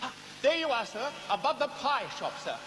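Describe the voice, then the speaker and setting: A man's voice: extremely high pitch, very animated, a little fast, bright, forceful tone, echoey room, in a large hall, a little hiss or hum, exaggerated voice. A man playing a fawning, officious beadle in theatrical stage dialogue, speaking with obsequious deference. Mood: servile.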